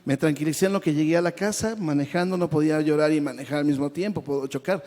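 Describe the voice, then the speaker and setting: A man tells his conversion story before a congregation, his voice somewhat high for a man. He speaks with feeling and trips over repeated words as he goes. A long reverb trails each phrase, as in a large hall. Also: fairly quick. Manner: emotional, stumbling repetitions, addresses listeners as brother. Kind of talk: church testimony.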